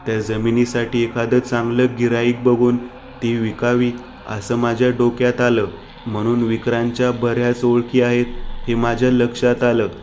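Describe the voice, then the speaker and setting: A man's voice: mid-range voice, completely flat delivery, normal speed, darkish tone, slight background noise, lightly acted. A man voicing a vengeful schemer who speaks coldly and matter-of-factly.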